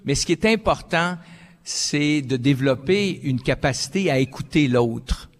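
An older man from Quebec with a Québécois accent, answering as a panelist in a halting way, with many fillers and frequent "ok"s. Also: fairly high pitch, expressive. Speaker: panelist, former school principal.

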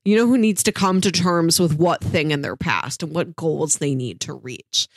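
A podcast co-host with a low-pitched voice discusses comic books casually at normal speed. She talks fluently and thoughtfully, frequently dropping in "yeah" backchannels, and the studio-quality recording has no room sound.

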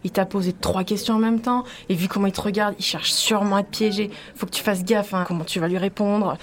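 A woman's voice: mid-range voice, steady tone, a little fast, slight background noise, natural voice. A woman as a cynical grumbling inner voice. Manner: cynical, suspicious, swearing. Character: grumpy paranoid inner voice, young woman. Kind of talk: radio fiction.

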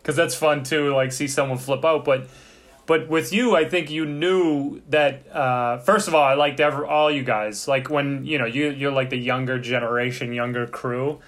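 A man's voice: medium pitch, fairly even intonation, normal speed, a bit bright. Rambling, foul-mouthed man chatting. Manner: rambling, swears freely. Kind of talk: casual chat.

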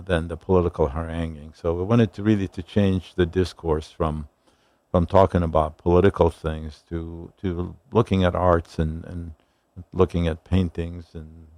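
A man's voice: deep voice, fairly even intonation, vocal fry, a little mellow, dry recording. An older man from Palestine, a museum founder, speaking in a radio interview with frequent hesitant fillers. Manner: halting, many "uh" fillers.

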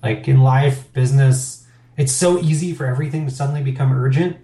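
A middle-aged male business owner speaks briskly in a casual interview, his medium-pitched voice dark in tone. He's candid and reflective, rambling with filler words. There's a roomy echo.

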